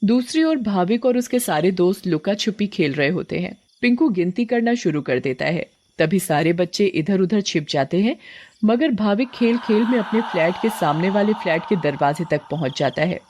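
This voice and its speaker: A woman's voice: medium pitch, expressive, moderate pace, a little mellow. Woman narrating a horror story.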